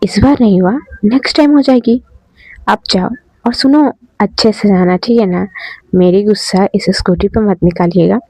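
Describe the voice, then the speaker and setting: A woman's voice: medium pitch, normal speed, darkish tone, no echo, lightly acted, low-quality recording. A woman doing a cheeky teasing student girl. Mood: playful. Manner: teasing, pleading, playful.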